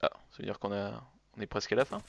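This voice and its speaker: A man's voice: lowish voice, expressive, quick pace, gravelly. A man streaming a strategy game, muttering calculations to himself between jokey asides. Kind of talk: casual let's-play commentary.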